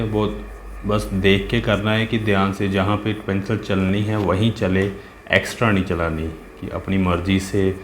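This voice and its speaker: Art teacher, male, low voice, patient casual tutorial tone, echoey room. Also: a little hiss or hum. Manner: patient, talks while working, asks "है ना?" and "ठीक है?" often. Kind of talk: casual step-by-step drawing tutorial. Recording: roomy with faint ambience.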